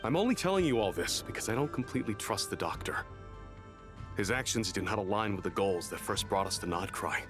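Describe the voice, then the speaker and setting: An actor playing a solemn, loyal soldier in a video game, speaking gravely and earnestly. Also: male voice, fairly low pitch, lively intonation, a little fast, close to an everyday voice. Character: solemn male soldier, loyal but distrustful. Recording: loud game music underneath.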